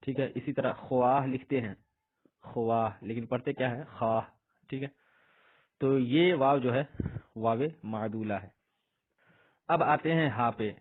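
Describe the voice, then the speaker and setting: A man teaching an Urdu grammar lesson. He asks a question, answers it himself, and says each example word slowly and more than once. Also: mid-range voice. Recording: husky voice on tinny phone-like audio.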